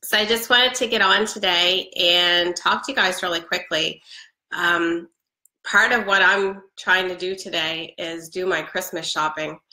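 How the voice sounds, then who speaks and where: Speaking a little slowly in a lowish, steady, sharp voice, a forty-something woman with a head cold sells products on a casual live stream. She's chatty and upbeat, laughing often with plenty of ums. A close webcam records her echoey living room, where a Christmas tree stands.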